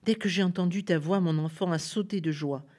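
A woman's voice: lowish voice, a little fast, mellow, natural voice. A woman voicing a joyful, devout older woman who declares her words with solemn fervor, in a storybook reading. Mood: fervent.

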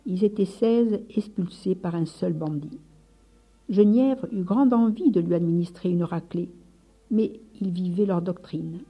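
A woman narrating a read-aloud story in measured tones, at times dropping to near whispers. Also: lowish voice, mellow, slightly rough, soft background music.

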